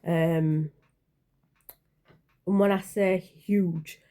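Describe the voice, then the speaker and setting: A woman's voice: fairly low pitch, fairly even intonation, very slow, dark tone. A woman in her forties chatting casually in a vlog, rambling and hesitant, with many fillers and self-corrections. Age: 40s. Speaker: channel creator.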